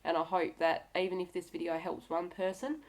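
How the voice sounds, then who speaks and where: A video blogger with a cold speaks candidly to camera in a slightly nasal voice, earnest, direct and encouraging toward her viewers. Her fairly low voice is level and a little fast, and the recording is rough.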